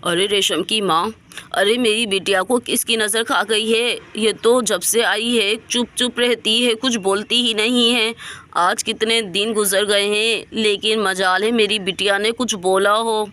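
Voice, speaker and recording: A woman voicing a worried middle-aged father who questions insistently in a lowered voice. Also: fairly even intonation, unhurried, bright, forceful tone.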